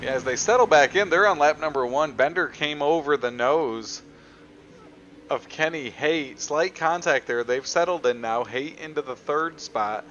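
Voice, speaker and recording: Guy doing motorsport commentary, high bright voice, clipped race calls. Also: a little slow, dull audio, a little hiss or hum. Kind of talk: live play-by-play race commentary.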